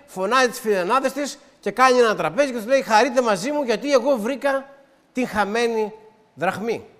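A man's voice: high voice, fairly bright tone, long reverb tail. A man preaching a sermon, opening with a prayer and then explaining scripture step by step in an earnest way.

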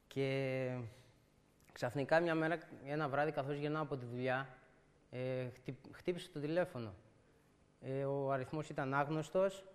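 A young man from a church congregation, earnestly telling a personal testimony and retelling conversations step by step. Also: medium pitch. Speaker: church member giving testimony. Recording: long hall reverb.

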